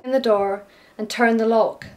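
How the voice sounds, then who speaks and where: A woman's voice: a little high, steady tone, moderate pace, a little mellow, slight background noise. A woman, a former care worker, steadily recounting a personal story in first person.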